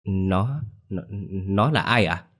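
A blunt young grandson, as a male narrator voices him, fires off puzzled questions at his grandmother. The voice rides a little higher than the narrator's own deep tone, and the delivery is plain. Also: animated, takes it slowly, a bit bright, heavily acted.

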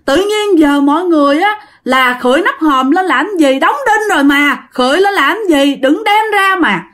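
A woman's voice: expressive, moderate pace, fairly bright tone. A woman voicing a desperate young widow who wails and pleads hysterically. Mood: wailing. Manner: wailing, shrill pleading.

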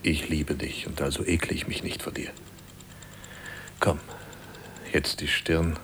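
A gentle husband who speaks softly. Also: male voice, rumbling low, level tone, measured pace. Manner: gentle, hushed, often whispered. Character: devoted husband caring for his dying wife. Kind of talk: German radio play.

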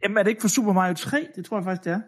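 Casting: male podcast co-host from Denmark, higher voice, loose film banter. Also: slight background noise. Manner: laughing, mimics accents. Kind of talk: casual film chat.

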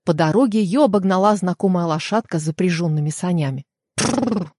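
A woman narrating a detective audiobook in a steady storytelling manner, on a close studio mic. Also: lowish voice, quick pace, dry recording. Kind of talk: scripted narration.

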